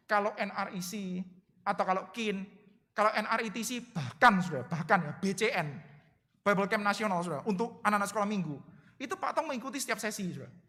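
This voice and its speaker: A male pastor preaching a sermon in a lively way, addressing the congregation as "brothers and sisters" after nearly every phrase. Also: high voice. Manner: lively, acts out quotes in different voices. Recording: long hall reverb.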